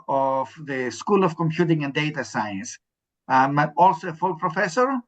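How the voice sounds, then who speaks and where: A middle-aged man from Sweden speaks on an online panel, his voice a little high and full of ums and halting restarts. The call audio is dull and lo-fi. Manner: hesitant, many ums and restarts. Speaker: interim dean and panelist. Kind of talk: panel discussion answers.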